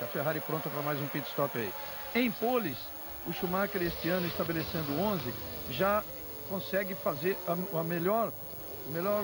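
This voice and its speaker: Brazilian male motorsport analyst, fairly high voice. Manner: explanatory, rambling anecdotal detail. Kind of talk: unscripted race analysis. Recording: engine noise behind voice. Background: race cars and trackside ambience.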